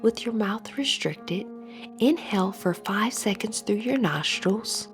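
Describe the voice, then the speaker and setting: A woman leading a scripted guided meditation as an instructor, in a soothing, measured, softly breathy delivery. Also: mid-range voice, animated. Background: soft background music.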